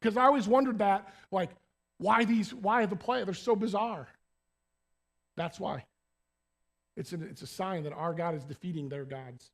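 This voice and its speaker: Male preacher, high voice, animated and conversational, church sermon. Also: normal speed, long pauses. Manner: animated, talks to the congregation directly.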